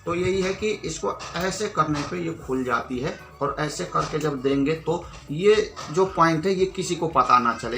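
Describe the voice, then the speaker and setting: An Indian man gives a magic tutorial in the style of a party magician, demonstrating and selling tricks with showman patter, counting and nonsense magic words while addressing viewers as friends. His fairly high, creaky voice is recorded off-mic from a distance in an echoey room with music behind.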